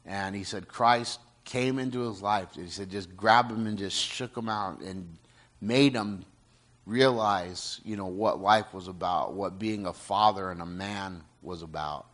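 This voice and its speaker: A man earnestly retelling someone's life story in casual speech, halting with frequent restarts. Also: sits low, a bit bright. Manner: earnest, halting, many restarts and "you know".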